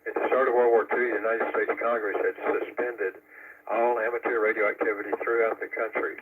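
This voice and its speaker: A man running an amateur radio net over a two-way radio, relaying announcements and a history talk in a halting way, with many pauses and fillers. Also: fairly low pitch, little pitch movement. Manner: halting delivery with frequent "uh" fillers. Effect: heard over a two-way radio with static. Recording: tinny, distant radio transmission with static.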